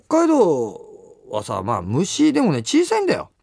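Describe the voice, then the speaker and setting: A middle-aged man, a musician, chatting casually and telling stories in an animated way, acting out the lines of people he quotes. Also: a little high, moderate pace, vocal fry, no echo, clean studio sound. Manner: animated storyteller who acts out quoted exchanges. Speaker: musician and show host. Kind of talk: casual chat.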